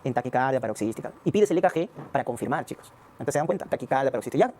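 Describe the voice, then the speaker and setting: A man teaching a medical class in a very rapid stream of explanation. His voice sits in a middle register with a mellow, dark tone. He keeps checking in with his students through rhetorical questions. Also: mid-range voice, animated, slight background noise. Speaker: medical lecturer. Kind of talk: recorded medical lecture.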